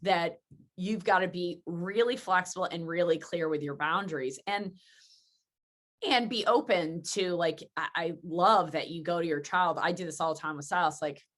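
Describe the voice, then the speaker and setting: A woman's voice: lowish voice, moderate pace, fairly bright tone. A woman hosting a casual interview, chatty and telling stories with acted-out dialogue. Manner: chatty storyteller, acts out quoted dialogue. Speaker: podcast host.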